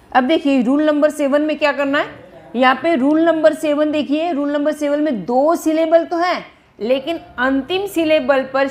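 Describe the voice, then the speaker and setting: A woman teaching an English grammar lesson, patiently repeating each word and asking and answering her own questions. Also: sits high. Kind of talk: Hindi-language grammar lesson.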